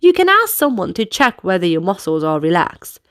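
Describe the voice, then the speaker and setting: A woman with a mid-range, very animated voice tells a children's story and guides young listeners through dance steps at a moderate pace. She speaks instructively with clear pacing, recorded in clean studio sound with no room sound.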